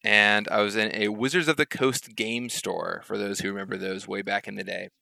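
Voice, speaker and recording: Buttery-voiced enthusiastic man, bright with some fry. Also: lowish voice, fairly even intonation, normal speed, dry recording. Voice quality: buttery smooth voice. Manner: enthusiastic, playful. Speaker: podcast guest, game designer. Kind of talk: casual interview storytelling.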